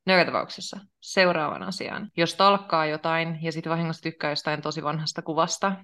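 A young woman co-hosting a podcast, chatting casually in a lively way and laughing often. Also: low voice. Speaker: podcast co-host. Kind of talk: casual chat.

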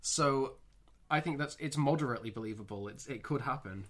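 A man co-hosting a podcast in casual chat, reasoning things out calmly. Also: mid-range voice, a little fast. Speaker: podcast co-host.

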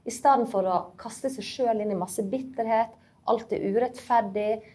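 Husky encouraging podcast woman. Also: fairly high pitch, warm tone. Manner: earnest and encouraging, explains firmly. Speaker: podcast co-host. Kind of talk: casual chat.

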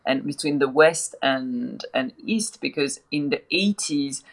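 Unhurried and bass-voiced, a woman from France appears as a guest on a remote call from another city. In this casual interview she discusses her life and her work as an art advisor, fluent but with frequent repeated starts.

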